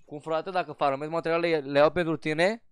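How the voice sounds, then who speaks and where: A man with a high, clean, smooth voice chats through a round of play, whining and teasing his teammate in turns. The sound is close and dry. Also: fairly even intonation, dry recording. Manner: pleading, teasing, playing dumb. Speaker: gaming YouTuber. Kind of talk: casual gameplay banter.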